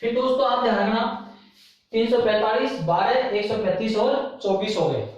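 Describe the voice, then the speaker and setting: Male tutor, high voice, recorded far off the mic: drills terms by repetition. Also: normal speed, very echoey. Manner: repeats terms and counts items aloud. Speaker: teacher. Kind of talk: exam-prep grammar lesson.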